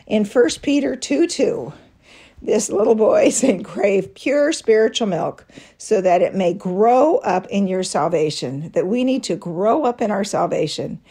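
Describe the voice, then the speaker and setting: A woman's voice: medium pitch, lively intonation, measured pace, dark tone, breathy edge. A middle-aged woman giving a devotional teaching talk to a women's fellowship, telling personal stories with light laughs. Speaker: women's ministry speaker.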